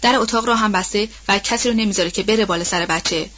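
A fretful old nanny woman, read by a woman in a storybook recording, rambling on in a loose, colloquial way. Her voice sits at a middling pitch. The sound is dull and lo-fi. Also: fairly bright tone, natural voice. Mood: worried. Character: old household nanny woman, anxious and gossipy. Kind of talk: audiobook role-play reading.

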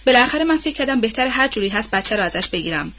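A woman's voice: a little high, big pitch swings, fairly bright tone, highs cut off. A woman voicing an anxious, gossipy old household nanny woman in an audiobook, talking in a rambling, colloquial way. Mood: worried. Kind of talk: audiobook role-play reading.

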